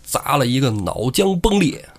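A man's voice: medium pitch, moderate pace. A man hosting a podcast, retelling a classic tale casually and acting out its characters. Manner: lively, acts out characters. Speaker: podcast host and storyteller. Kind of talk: casual storytelling.

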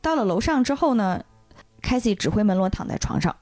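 A woman podcast host in casual chat, retelling a film plot with animated storytelling and briefly acting out the characters' lines. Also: medium pitch, a little fast, dry recording, soft background music.

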